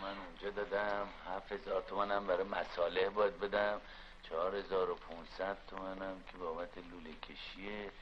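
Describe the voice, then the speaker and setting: An actor playing a middle-aged father and builder in an old film, coaxing his wife gently at times and blustering in quarrels. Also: deep voice, little pitch movement, muffled recording, close to an everyday voice. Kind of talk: 1970s film acting. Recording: old film soundtrack with clear hiss.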